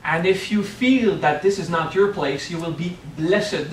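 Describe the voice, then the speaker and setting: Speaking a little slowly in a high voice, a middle-aged spiritual teacher with a French accent leads a playful workshop, often checking in with "okay?". A far-off camera in the hotel meeting room captures echoey audio with slight background noise.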